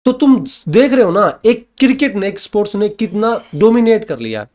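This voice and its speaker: A man's voice: high voice, expressive, normal speed, a little mellow. A young man from Haryana, a podcast guest, arguing in a heated casual debate, emphatic and repetitive, often calling his host "brother". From Haryana, India. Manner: emphatic, keeps saying "bhai", repeats points.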